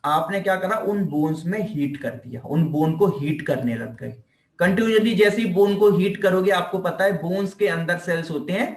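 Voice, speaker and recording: At a normal speed, a high-voiced Indian-accented man delivers a physiotherapy lecture in an explanatory, emphatic style. He repeats key phrases, asks rhetorical questions and slips in English technical terms, all captured in an echoing room by a distant mic.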